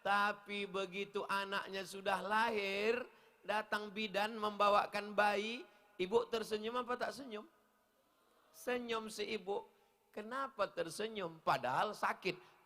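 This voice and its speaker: A middle-aged man preaches at an outdoor rally. His voice sits high and rings bright and sharp. He jokes with the crowd and swings from loud sung chant to hushed asides. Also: normal speed. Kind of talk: open-air sermon with jokes and acted dialogue. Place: outdoor football field gathering.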